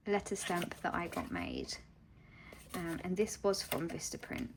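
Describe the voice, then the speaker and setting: Slow, hesitant young woman vlogging. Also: medium pitch, a little hiss or hum. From England. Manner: hesitant and heartfelt, many ums and pauses. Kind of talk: casual vlog talk to camera.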